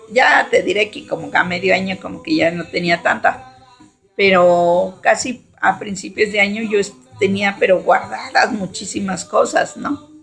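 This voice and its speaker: Slow, gravelly woman giving testimony. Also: medium pitch, a bit bright. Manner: earnest, ends phrases with tag questions. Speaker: testifying believer. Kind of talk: religious testimony.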